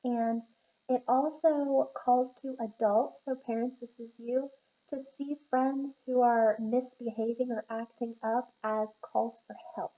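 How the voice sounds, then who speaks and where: Teacher lady reading a picture book to little kids, upbeat, stops to ask questions, mellow tone, muffled lo-fi. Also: on the high side, fairly even intonation. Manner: encouraging, pauses to ask children questions.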